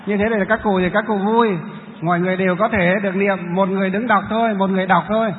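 High-voiced monk in an echoey hall. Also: male voice, steady tone, quick pace. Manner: explains patiently, breaks into chanting demonstrations. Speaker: Buddhist monk teacher. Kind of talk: dharma talk with questions from the audience. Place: large lecture hall. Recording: tinny, echoey hall recording.

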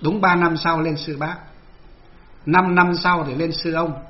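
A man's voice: a little high, steady tone, a little slow. Vietnamese monk recounting his ordination, muffled. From Hoa Binh, northern Vietnam. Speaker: Buddhist monk. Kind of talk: storytelling talk about his ordination.

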